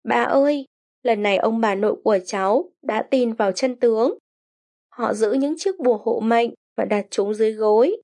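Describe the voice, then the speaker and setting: A woman voicing a young, trusting granddaughter in a read-aloud story, a little higher and childlike. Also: moderate pace, dark tone, close to an everyday voice. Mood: excited.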